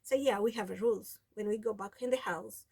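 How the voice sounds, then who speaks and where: Speaking briskly in a mellow, mid-range voice with a breathy edge, a Kenyan-accented woman in her forties vlogs her story to camera. Originally Taita from the coast with Taita as her first language, she rambles casually, restarting often and filling with "you know".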